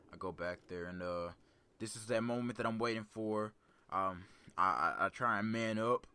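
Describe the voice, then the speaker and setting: Laid-back young man, fairly low voice. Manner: laid-back, calm, serious delivery. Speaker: storyteller. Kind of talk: casual rambling personal storytelling.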